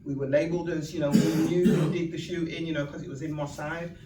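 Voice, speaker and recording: Speaking to an audience at an event venue, this fifty-something guest speaker and community activist from Manchester has a Mancunian accent and shares her story with chatty humor, often laughing. Her voice sits low and mellow, fairly even in intonation and quick in pace; the echoey room, distant mic and ambience carry soft background music.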